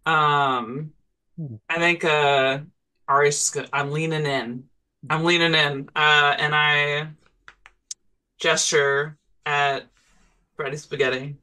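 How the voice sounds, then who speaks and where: A tabletop game player in casual game chat, deliberately describing their character's moves. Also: medium pitch, little pitch movement, sharp tone.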